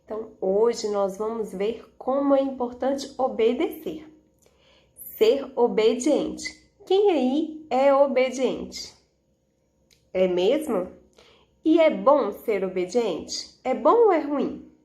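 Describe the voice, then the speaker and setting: A woman's voice: on the high side, animated, takes it slowly, dark tone. A Brazilian woman speaking like a kids show host, teaching a children's Bible lesson with simple repeated questions and emphatic key words.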